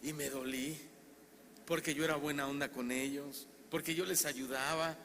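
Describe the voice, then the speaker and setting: Mexican pastor preaching in a reverberant hall. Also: male voice, a little high, moderate pace. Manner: animated storyteller, asks the congregation questions. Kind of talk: sermon. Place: church hall. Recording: reverberant hall, faint background noise.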